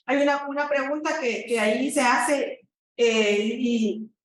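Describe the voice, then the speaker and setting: A woman's voice: high-pitched, slow. A woman therapist giving a lecture, explaining at length and often checking in with the audience. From El Salvador. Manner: explanatory, frequent "¿verdad?" tags and fillers. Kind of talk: teaching presentation. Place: lecture room. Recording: echoey room, voice far from mic.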